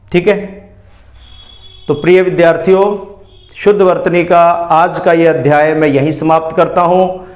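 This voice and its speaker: Male teacher going slow over spelling, high-ish voice, echoey room. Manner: slow, careful, repeats words to show pronunciation. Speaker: Hindi grammar teacher. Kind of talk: spelling lesson.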